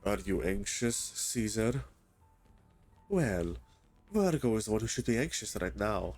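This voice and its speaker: A man's voice: on the low side, animated, unhurried, a little mellow, soft background music. A man voicing a solemn, commanding male wolf elder who makes grave, formal pronouncements, reading game dialogue aloud.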